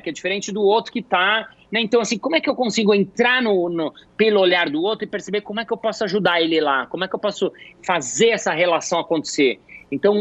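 A man's voice: sits high, no room sound. A man who works as a hospital clown, telling stories in casual conversation and acting out the voices of the people in them. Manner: animated, acts out quotes with shifting voices. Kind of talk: conversational storytelling. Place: at home. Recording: dull lo-fi dry sound.

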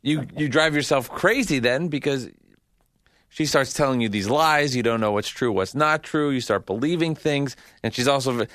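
A man's voice: mid-range voice, normal speed, fairly bright tone, no room sound, clean studio sound. A man, the show's executive producer, chatting casually with wry joking asides. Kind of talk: casual studio chat. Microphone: studio mic.

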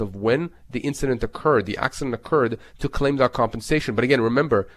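A man giving explanatory legal advice as an expert on a talk show, stressing and restating his key points. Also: medium pitch.

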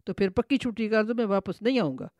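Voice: medium pitch, expressive, a little mellow, no room sound, dull audio, voice pushed up, close to an everyday voice. A storyteller voicing a blunt, stubborn male servant who speaks in broken grammar.

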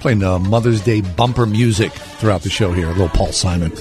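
A man's voice: deep voice, brisk, loud music behind the voice. A man hosting a radio show, chatting casually and rambling with lots of hesitations. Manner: rambling, hesitant with many fillers.

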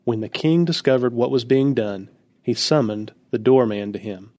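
A man reading a devotional story aloud in a calm, measured storytelling manner. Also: medium pitch, dry recording. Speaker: narrator. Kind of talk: scripted devotional narration.

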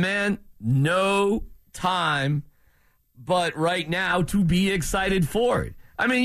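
A man's voice: a little high, fairly bright tone. A male sports radio co-host in casual talk, upbeat and teasing his partner. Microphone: studio microphone.

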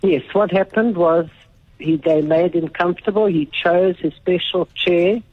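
A woman calling in to a radio show over a phone line, telling her story in an earnest, unhurried way with some hesitations. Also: on the low side, husky, no echo. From South Africa. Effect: heard over a phone line. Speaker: radio caller. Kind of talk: call-in phone conversation. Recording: tinny narrowband phone line.

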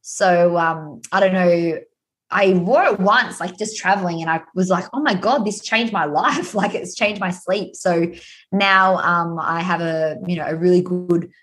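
A woman's voice: on the low side, steady tone, unhurried. An Australian woman chatting casually as a podcast guest, gushing and informal. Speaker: podcast guest, happiness coach and speaker. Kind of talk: casual chat.

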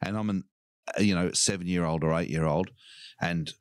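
A man co-hosting a podcast, telling a childhood story in an animated way and breaking into laughing shouts. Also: low-pitched, normal speed, smooth, no room sound. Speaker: podcast co-host. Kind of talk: casual storytelling chat.

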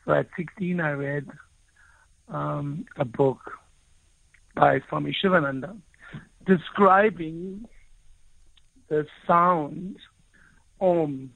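This guest, a South African author and native Afrikaans speaker, reflects on his personal story with earnest effort, frequently restarting as he hunts for the right words. He speaks slowly in a fairly high, creaky voice and pauses often. It comes through a tinny, phone-like line with no echo.

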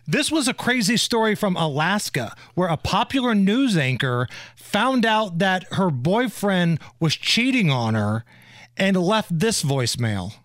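A man's voice: high-pitched, very animated, measured pace, fairly bright tone, dry recording, studio quality. A man hosting a talk show, giving wry, mocking commentary in a conversational way.

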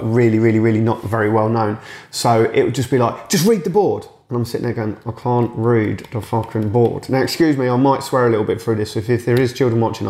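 A man's voice: mid-range voice, darkish tone. Man, frank and chatty, roomy sound. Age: late 30s. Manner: frank and chatty, swears, acts out remembered exchanges. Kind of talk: casual candid monologue.

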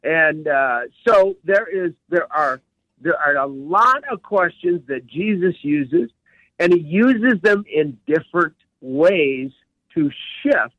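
A man's voice: a little high, lively intonation, takes it slowly, a bit bright, dry recording, muffled recording. A man who is a professional coach, teaching as a guest on a radio interview, speaking with emphasis and repeating his key words.

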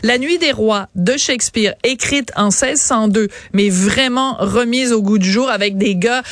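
A woman with a Quebec French accent hosting a radio interview, asking probing questions with deliberate hesitations. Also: on the high side, no room sound, clean studio sound. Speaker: radio host.

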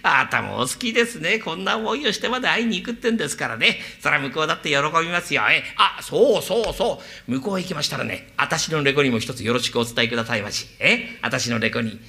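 Guy doing a chatty show-off from old edo, bright lively voice. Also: fast, creaky, hardly any pauses, heavily acted. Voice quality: fawning and boastful, swings in pitch. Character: chatty, boastful male hanger-on who mimics voices. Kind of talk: rakugo storytelling.

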